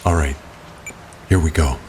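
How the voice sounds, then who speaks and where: Music runs under this audio-drama scene, where a man plays a grim, protective masked vigilante. His voice is extremely low and darkish in tone, the delivery a little slow, calm, terse and controlled, and there's a faint hiss or hum.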